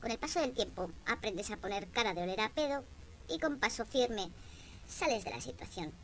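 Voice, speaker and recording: A woman's voice: fairly high pitch, animated, normal speed, vocal fry. A woman with a Spain Spanish accent delivering a comic monologue in a wry, sarcastic storytelling manner. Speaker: comedian.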